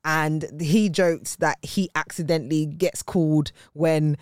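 A woman's voice: deep voice, fairly even intonation, measured pace, a little mellow, no room sound, clean studio sound. A woman hosting a casual interview in an enthusiastic, affirming way. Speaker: interview host.

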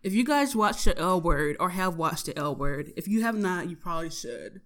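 A woman's voice: on the low side, animated, moderate pace, a bit bright. A young woman telling a story from her day in a casual, profane and exasperated way, with lots of swearing. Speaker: podcast host.

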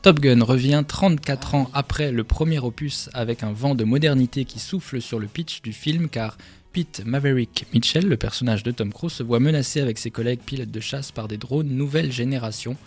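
A man's voice: medium pitch, moderate pace, a little mellow, soft background music. A man giving a radio film preview as the show's columnist, talking with enthusiasm and plenty of fillers and restarts.

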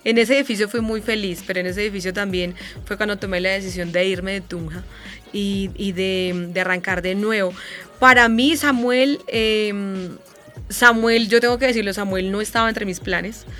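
Bright-voiced Colombian woman telling her story. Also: mid-range voice, normal speed, soft background music. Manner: animated storyteller, imitates sounds and voices. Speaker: radio host. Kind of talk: emotional personal interview.

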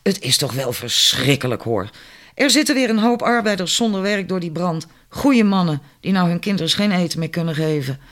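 A man's voice: high-pitched, animated, normal speed, a bit bright. A man reading an audiobook, voicing a fiery, opinionated working-class woman who talks indignantly and bossily. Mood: indignant chatter. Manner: indignant, chatty, bossy.

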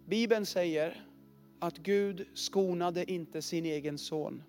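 A man with a notably high voice preaches an earnest storytelling sermon. He often sinks into a hushed, heavy tone as he speaks. Faint music plays softly under his words. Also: fairly even intonation.

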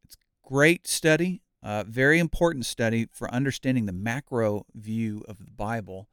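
A middle-aged man hosting a podcast, talking in a relaxed, chatty way with fillers and side stories during a Bible study conversation. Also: mid-range voice, moderate pace, smooth, no room sound, studio quality. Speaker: podcast host.

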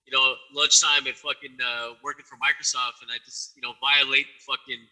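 A man's voice: mid-range voice, flat delivery, brisk, sharp tone, low-quality recording. A man in casual podcast chat, profane and slangy, laughing often. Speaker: podcast co-host.

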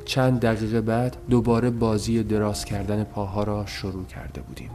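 Low, measured male narrator. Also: fairly even intonation, music in the background. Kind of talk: audiobook narration.

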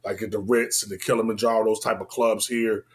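Telling his own story with a Washington, D.C. accent, this man in his forties sounds slangy and relaxed, moving between loud and quiet. He keeps a level tone and talks fairly quickly.

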